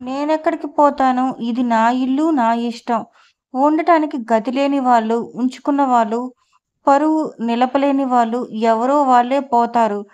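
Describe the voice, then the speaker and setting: A woman's voice: high-pitched, unhurried, darkish tone, lo-fi sound. A woman reader voicing a furious, proud middle-aged wife who scolds and confronts her husband in an audio novel. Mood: angry.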